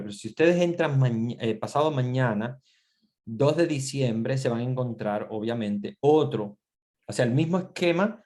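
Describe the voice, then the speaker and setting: A middle-aged man, a priest, giving an online Bible class in a relaxed, conversational way, with many fillers and restarts. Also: mid-range voice. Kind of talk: online class lecture with screen sharing.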